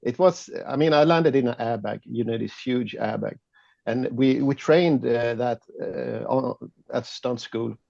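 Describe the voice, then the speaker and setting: Swedish dude, gravelly voice, halting english, dull lo-fi call audio. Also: male voice, mid-range voice, darkish tone, no room sound. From Sweden. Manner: hesitant, many fillers and restarts, laughs often. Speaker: guest photographer. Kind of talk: casual interview chat.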